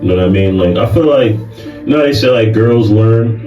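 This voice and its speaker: A young man with a lowish voice talks easily and confidently, full of slang, as an interview guest. He sits away from the mic in an echoey room, with music playing beneath. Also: moderate pace, highs cut off. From Jamaica. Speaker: guest artist. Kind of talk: casual interview chat. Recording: roomy room, mic distant, music behind.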